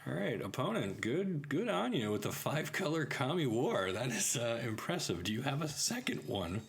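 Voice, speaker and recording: A man's voice: mid-range voice, very animated, normal speed, gravelly, a little hiss or hum. A man hosting a card-game channel, thinking aloud and commenting on his plays in an upbeat way. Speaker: gaming channel host. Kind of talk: casual gameplay commentary.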